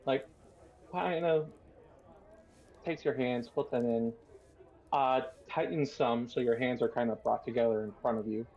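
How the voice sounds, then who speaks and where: A gravelly-voiced man runs a tabletop game at a slow, deliberate pace, pausing often on fillers as he narrates. His voice comes through a dull, lo-fi mic. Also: mid-range voice, fairly even intonation. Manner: unhurried, hesitant narration with many fillers. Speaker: game master.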